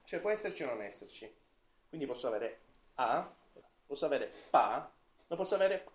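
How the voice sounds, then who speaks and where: A man from Italy giving an academic talk on linguistics to a class, thinking aloud, with fillers and self-corrections. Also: medium pitch. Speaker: seminar presenter.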